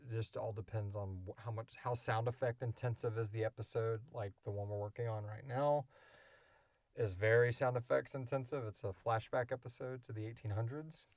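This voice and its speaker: A man's voice: medium pitch, steady tone, moderate pace, darkish tone, no room sound. A man co-hosting a show, chatting off the cuff in an informal, rambling way as he explains things. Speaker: podcast co-creator and co-host. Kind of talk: casual unscripted Q&A chat.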